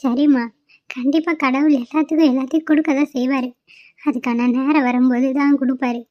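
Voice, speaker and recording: A woman's voice: high-pitched, fairly even intonation, a little fast, no room sound, highs cut off, lightly acted. A woman voicing a soothing mother-in-law. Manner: soothing, consoling. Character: caring middle-aged mother-in-law.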